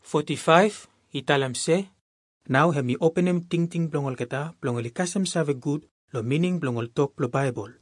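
Husky Melanesian man reading scripture. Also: fairly high pitch, normal speed, dry recording, studio quality. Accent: Melanesian Pidgin. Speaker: scripture reader. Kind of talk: reading Bible verses aloud.

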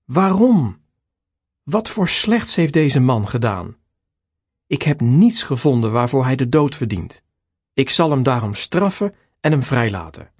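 A man's voice: medium pitch, sing-song, measured pace, husky, dry recording, studio quality, heavily acted. A man voicing a Roman governor who pleads with a hostile crowd, read in an earnest, pleading way.

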